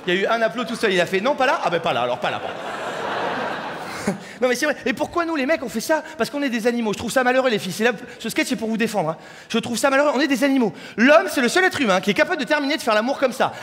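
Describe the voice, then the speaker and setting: A young comedian races through a crude, rowdy stand-up routine, trading banter with the crowd in a big hall. His voice is extremely high, expressive and fairly bright, and the recording carries live hall reverb with faint crowd sounds.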